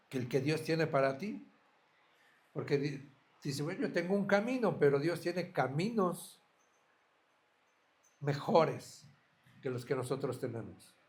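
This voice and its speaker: A man's voice: a little high, expressive, slow pace, pauses often, darkish tone. A man preaching a sermon as a pastor, earnest, asking his listeners direct questions.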